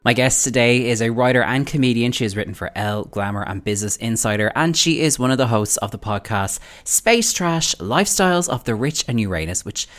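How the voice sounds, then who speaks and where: A man's voice: mid-range voice, animated, a little fast, hardly any pauses, fairly bright tone, soft background music. An Irish man hosting a podcast, introducing the show and chatting casually with his guest. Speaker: podcast host.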